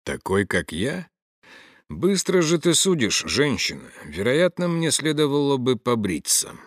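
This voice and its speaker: A man reading the part of a hard, cynical mercenary, curt and gruff, in an audiobook. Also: medium pitch, sing-song, unhurried, dry recording, studio quality, voice pushed up.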